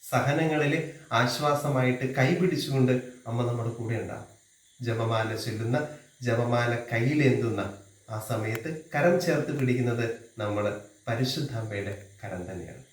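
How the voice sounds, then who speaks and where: A man giving a slow, gentle devotional sermon as a preacher, with sung hymn passages. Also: mid-range voice. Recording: echoey, distant, with music behind.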